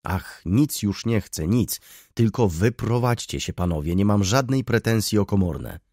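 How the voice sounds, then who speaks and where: A man's voice: low-pitched, moderate pace, a little mellow, no echo, clean studio sound, natural voice. A man voicing a theatrical, complaining middle-aged baroness in an audiobook, with a raised, plaintive tone. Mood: wailing complaint. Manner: plaintive, exclaiming.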